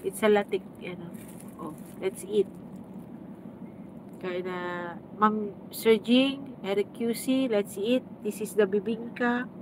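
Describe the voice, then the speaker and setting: A woman's voice: on the high side, noisy background. A woman from the Philippines chatting casually on a livestream, mixing Tagalog and English and thanking viewers by name. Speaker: livestream host. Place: home with aircon running.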